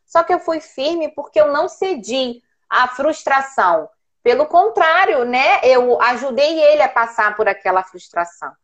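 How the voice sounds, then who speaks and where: A woman and parenting educator telling a personal story in a casual call, animated as she acts out what was said. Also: sits high, moderate pace, highs cut off. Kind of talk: casual video-call conversation.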